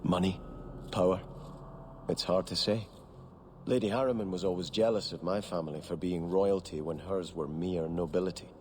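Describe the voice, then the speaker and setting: Male actor as a devout game noble: low, formal, earnest, over steady hiss. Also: moderate pace, close to an everyday voice. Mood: solemn. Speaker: game character.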